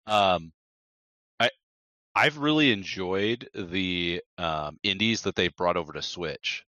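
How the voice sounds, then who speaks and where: Deep-voiced, bright-toned podcast man. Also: slow pace, no echo, muffled recording. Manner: upbeat, self-described gadget fan. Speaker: podcast co-host. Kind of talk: casual chat.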